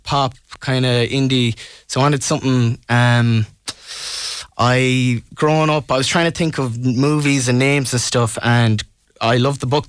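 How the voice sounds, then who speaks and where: A man's voice: medium pitch, clear, resonant tone, no room sound. A man from Ireland with a west of Ireland accent, talking casually and tentatively as a musician in a radio interview.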